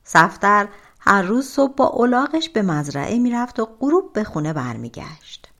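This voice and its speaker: A woman narrating a folk tale audiobook in an expressive, colloquial storytelling manner. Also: medium pitch. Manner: expressive, colloquial, drawn-out phrase ends.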